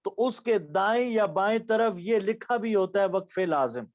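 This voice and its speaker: A man's voice: high-pitched, animated. A man from Pakistan giving an online lecture as a Quran recitation teacher, explaining rules patiently and repeating key points and examples.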